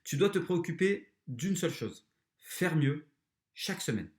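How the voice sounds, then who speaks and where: A man's voice: a little high, expressive, normal speed, roomy sound. A man hosting a motivational self-help podcast, talking bluntly and crudely straight to the listener. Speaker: podcast host.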